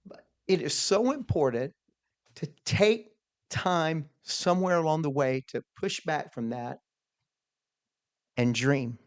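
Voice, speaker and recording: A man's voice: fairly high pitch, expressive, slow pace, long pauses, no echo. A middle-aged man, a small business owner, telling a personal story in an earnest, conversational way, often restarting his words.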